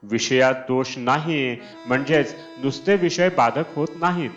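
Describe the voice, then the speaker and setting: Over Indian classical instrumental music, a man at a medium pitch reads from a scripted devotional discourse with slow, deliberate care. The audio has a lo-fi, dull quality.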